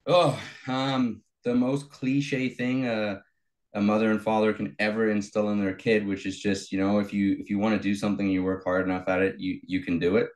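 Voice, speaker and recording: A young man from South Africa, a guest in a casual interview, telling his story in a relaxed way with many fillers. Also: lowish voice, normal speed. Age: young adult. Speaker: guest, bodybuilder and coach.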